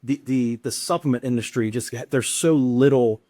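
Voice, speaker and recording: A man's voice: mid-range voice, moderate pace, mellow, no echo, studio quality. A man with a Southern American accent, a guest answering interview questions in a talkative way with frequent restarts. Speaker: guest, wellness expert.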